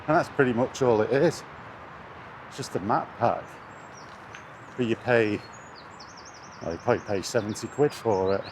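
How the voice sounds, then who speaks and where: A British gaming vlogger rants casually and with plenty of swearing, blunt and scornful, while walking outdoors near traffic; street and vehicle noise fill the recording. His voice is lowish, at a normal speed, with frequent pauses.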